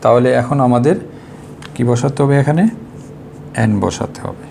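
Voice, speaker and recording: A man's voice: medium pitch, moderate pace, gravelly, mellow, a little hiss or hum. A young Bangladeshi man with a Bengali accent teaches an English grammar lesson. He asks his students a question and then answers it himself.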